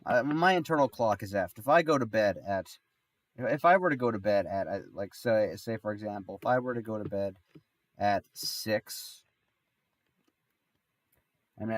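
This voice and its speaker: A man's voice: lowish voice, no room sound, recorded from a distance. A man with a stuffy nose from being sick, telling a rambling story on a livestream, full of restarts and fillers. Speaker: streamer.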